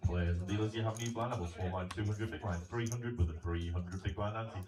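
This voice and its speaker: A man giving brisk, formal tournament instructions over a PA system. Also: fairly low pitch, fairly even intonation. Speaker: tournament announcer. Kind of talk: public address announcements. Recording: echoey loudspeaker from far off, crowd. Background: crowd chatter.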